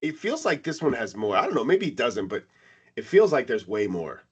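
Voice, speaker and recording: Man, podcast co-host, casual music review chat, lively storytelling voice, mid pitch. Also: a little fast, breathy edge, highs cut off. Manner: animated storytelling with big pitch jumps.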